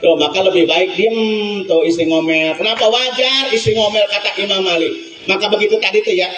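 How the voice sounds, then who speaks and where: High-voiced preacher man in an echoey hall. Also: recorded from a distance. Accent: Indonesian. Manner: lively storytelling, acting out voices and asking the crowd. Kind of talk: humorous Maulid sermon. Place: prayer hall, loud room.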